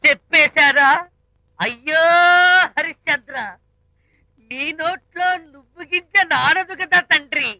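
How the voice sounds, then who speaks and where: A man's voice: extremely high pitch, unhurried, long pauses, bright, forceful tone, no echo, heavily acted. A man playing a meddling comic friend who theatrically recalls old troubles in a comedy film. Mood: teasing. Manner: chatty, theatrical, mock-emotional. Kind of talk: 1990s comedy film dialogue. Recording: muffled film soundtrack with music.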